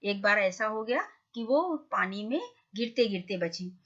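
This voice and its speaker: A woman's voice: medium pitch, lively intonation, a little slow, a bit bright, lo-fi sound. A woman teacher reading a story to children and stopping to explain each line with questions to the class.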